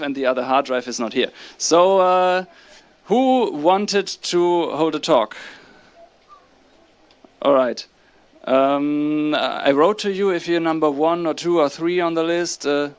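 A man's voice: fairly high pitch, smooth, dry recording. A man with a German accent hosting informally from a stage, improvising his announcements with frequent hesitations. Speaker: host of lightning talks. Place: on a stage before an audience. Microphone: stage microphone.

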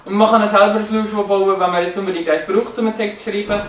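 A man's voice: high-pitched, flat delivery, fast talker, slight background noise. A man explaining language features from slides, hesitant, with many fillers and restarts. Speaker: presenter. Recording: roomy, echoey, from a distance.

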